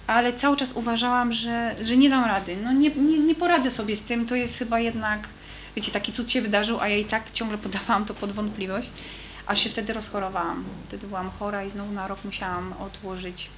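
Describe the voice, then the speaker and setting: A woman's voice: mid-range voice, noisy background. A woman telling her personal faith testimony in an earnest, storytelling way, with frequent hesitations, speaking to listeners directly.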